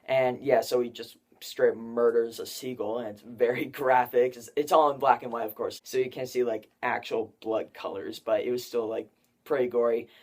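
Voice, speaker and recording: A man's voice: medium pitch, flat delivery, moderate pace. A young man hosting a casual spoiler discussion of a film, rambling with many fillers. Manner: rambling, filler-heavy, says 'like' often. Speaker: film review host.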